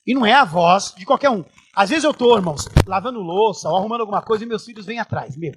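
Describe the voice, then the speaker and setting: High-voiced preaching man, lively and joking. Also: fast talker, noisy background. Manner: animated, conversational preaching with humor. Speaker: pastor. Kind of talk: sermon. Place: church.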